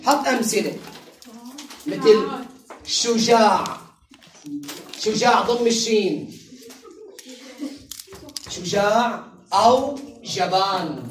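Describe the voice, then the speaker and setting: A woman teaching a classroom lesson, drilling word patterns slowly and repeating them, chatting and laughing with her students. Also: mid-range voice, slight background noise. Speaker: Arabic teacher. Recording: roomy classroom sound from a distant mic, crowd behind.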